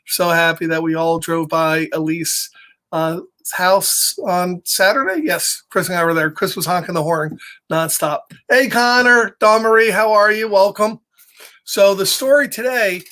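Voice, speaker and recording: His voice sits high and sounds pushed and bright. He hosts a children's storytime livestream, reading a story and chatting playfully with the young listeners he speaks to directly.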